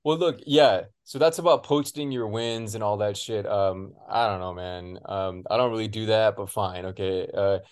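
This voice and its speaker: A man's voice: fairly low pitch, moderate pace, few pauses, clean tone. A man in casual podcast chat, rambling with many fillers and casual swearing.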